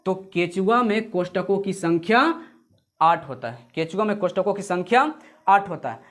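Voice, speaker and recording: A man's voice: high-pitched, lively intonation, moderate pace, a bit bright. A man teaching an exam-prep lesson, repeating points over and over and calling viewers "friends". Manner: repetitive drilling, addresses viewers as friends; explains memory tricks with jokes and sung snippets. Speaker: coaching teacher.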